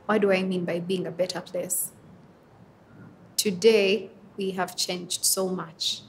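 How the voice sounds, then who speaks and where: A woman's voice: fairly low pitch, fairly even intonation. Young Ugandan woman, twenties, earnest interviewee, reflective pacing, slight noise bed. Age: 20s. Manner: earnest, reflective, with pauses and fillers. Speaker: interviewee, advocate for women and girls. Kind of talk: answering interview questions.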